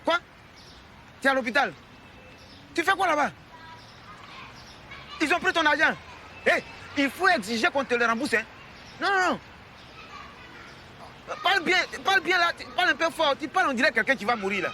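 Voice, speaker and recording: Give me a boastful old retired husband from an Ivorian TV sitcom, with a high, swooping, very bright voice and a playful, teasing manner. He exclaims loudly and talks with a thick Ivorian French accent. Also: lively intonation, normal speed, long pauses, slight background noise, heavily acted. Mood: chatty. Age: older. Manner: boisterous, teasing, loud exclamations. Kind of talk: sitcom acting.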